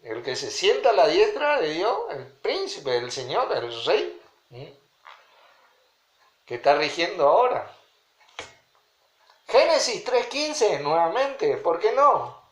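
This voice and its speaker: A man's voice: high-pitched, very animated, slow, pauses often, fairly bright tone. Man teaching a Bible study. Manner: checks in with the listeners often. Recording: roomy echo.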